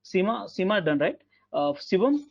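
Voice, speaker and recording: A high-voiced, creaky male instructor gives an online class lecture over a video call, with big pitch swings and a repetitive, halting delivery full of fillers. The call audio is dull, lo-fi and at a low sample rate.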